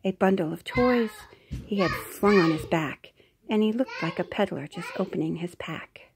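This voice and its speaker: A woman's voice: mid-range voice, lively intonation, normal speed, noisy background. Mother reading a storybook aloud. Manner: gentle, with soft whispered asides.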